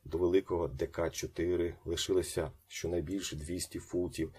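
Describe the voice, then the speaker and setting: A man reading a story aloud as an audiobook narrator, acting out the shouted lines and dropping to a slow hush. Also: deep voice, little pitch movement, slightly rough.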